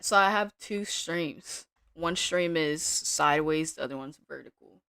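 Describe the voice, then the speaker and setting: A woman day trader giving casual live-stream commentary from her home desk, thinking aloud in a relaxed way with small restarts. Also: low voice, unhurried, creaky, clean tone, no echo, studio quality.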